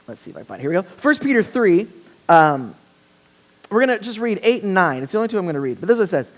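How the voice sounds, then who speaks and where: High-voiced male pastor, chatty sermon. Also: fairly bright tone. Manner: conversational, self-deprecating humor with frequent "right?" asides. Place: university chapel.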